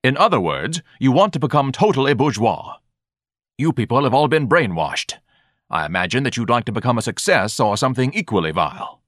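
A haughty, fussy hot-dog vendor, put on by a male narrator speaks in lofty, pompous sentences. The delivery swings up and down with animated pitch and sits a little louder than the narration. The sound is dry and close. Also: brisk, no echo. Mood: indignant. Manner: grandiloquent, lofty and disdainful.

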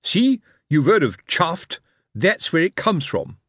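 A middle-aged sergeant bluffs his way through every question, dragging out his words with a sing-song, swooping pitch, as a man puts him on. The audiobook sound is dry and close. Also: big pitch swings, a bit bright, no room sound, heavily acted. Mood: blustering. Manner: bluffing, slow and drawn out. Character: blustering middle-aged male watch sergeant.

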